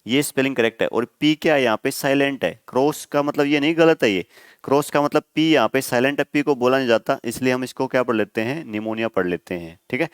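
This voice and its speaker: A man's voice: medium pitch, fast talker, clean tone, no echo. Male exam-prep tutor, clean and resonant, dry sound; answers his own questions, spells words out letter by letter. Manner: asks the class questions and answers them, with frequent "okay?" checks. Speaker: exam coaching teacher. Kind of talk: exam-prep vocabulary lesson.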